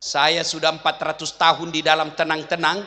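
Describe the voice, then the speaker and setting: A man's voice: a little high, monotone, moderate pace, sharp tone, soft background music. A man voicing a male jinn who guards an old well, complaining in a put-upon way. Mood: fed up. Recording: long hall reverb.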